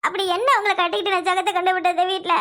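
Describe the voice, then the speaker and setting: Lady voicing a super high bright cartoon wife, fiery and hurt, scolds fast and repeats herself. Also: level tone. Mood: angry, scolding. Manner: scolding, rapid, repeating her lines. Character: fiery shrill young wife, quarrelsome and wounded. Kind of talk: cartoon voice acting.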